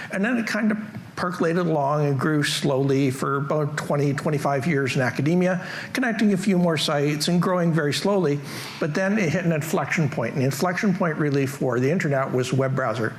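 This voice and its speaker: This conference presenter, a middle-aged man with a Canadian accent, has a voice on the high side and delivers a laid-back, joking, self-deprecating tech talk in a large hall. A little hiss or hum sits under the audio.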